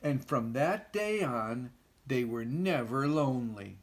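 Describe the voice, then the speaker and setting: An older man with a grandpa voice reads a children's picture book aloud, explaining gently as if to a small child. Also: mid-range voice, expressive, takes it slowly, a little hiss or hum. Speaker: storyteller grandfather reading aloud.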